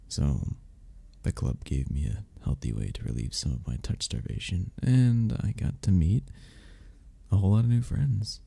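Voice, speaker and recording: In an intimate ASMR romance roleplay, a man fully voices a gentle, patient, flirty member of a cuddle club. His voice is gravelly, husky and rumbling low, and he speaks softly, considerately and reassuringly, in a reflective, candid mood.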